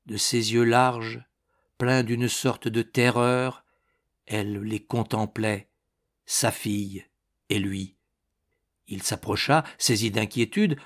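Slow, measured male audiobook narrator. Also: mid-range voice. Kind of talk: audiobook narration of a classic novel.

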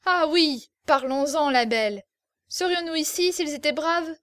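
A boastful young Prussian officer, loud and mocking, with a fairly high, lifted voice, as a woman narrator puts him on. He sneers at everyone around him. The room sound is dry and close. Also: a little slow, no room sound.

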